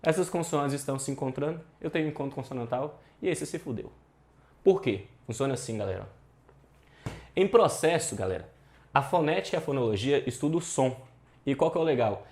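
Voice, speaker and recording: A man's voice: medium pitch, expressive, brisk, a little mellow. A male teacher, explaining exam questions in a casual, slangy, emphatic way. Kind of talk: exam prep lesson.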